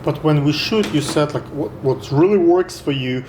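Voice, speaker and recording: A man with a voice on the high side, speaking at a moderate pace, hosts a casual interview. His questions run long and rambling, and he often breaks off to restart them. The room is echoey with faint noise.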